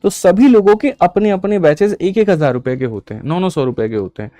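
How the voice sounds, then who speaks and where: A man's voice: high voice, expressive, a little fast, mellow, no echo. A young man teaching an online maths class for exam preparation, talking emphatically and repeating himself, often calling students brother. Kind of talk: online exam-prep class with batch promotion.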